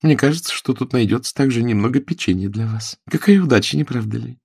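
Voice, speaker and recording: A man's voice: sing-song, fairly quick, mellow, breathy edge, no room sound, clean studio sound. A man playing a snippy haughty young lady. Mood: mocking. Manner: snippy, mocking, high-pitched. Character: haughty young woman, sharp-tongued and mocking. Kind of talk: audiobook character voice.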